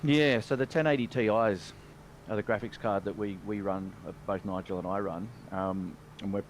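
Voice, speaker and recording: A man's voice: lowish voice, fairly even intonation, normal speed, slight background noise. A man chatting over a voice call, casually explaining his computer setup. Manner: chatty, explains tech specs, reads chat aloud. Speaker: guest pilot.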